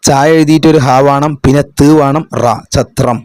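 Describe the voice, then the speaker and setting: A man's voice: fairly high pitch, little pitch movement, a little fast, a little mellow, clean tone, no echo. A man teaching a madrasa lesson, patiently walking through exam answers and asking questions he answers himself. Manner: patient, step-by-step, asks and answers his own questions. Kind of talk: explaining an exam answer key.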